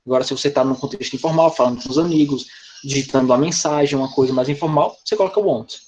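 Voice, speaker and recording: A man's voice: medium pitch, rapid-fire, darkish tone, a little hiss or hum. A male English teacher with a Brazilian Portuguese accent, explaining grammar step by step in an online class over a video call. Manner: patient, explains step by step with frequent "tá?" and "né?".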